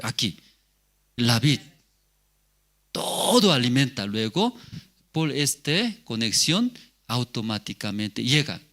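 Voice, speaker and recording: Slow, lively-voiced male pastor preaching. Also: mid-range voice. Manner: slow, questioning, repeats key words. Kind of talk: sermon with rhetorical questions to the congregation.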